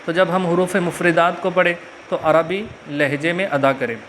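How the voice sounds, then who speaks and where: A man with a Pakistani Urdu accent teaching a religious lesson and stretching out letter sounds slowly, with filler pauses. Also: fairly high pitch, fairly bright tone, a little hiss or hum. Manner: slow drawn-out letter recitation with frequent filler pauses. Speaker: Quran reading teacher. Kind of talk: religious lesson with Arabic invocations.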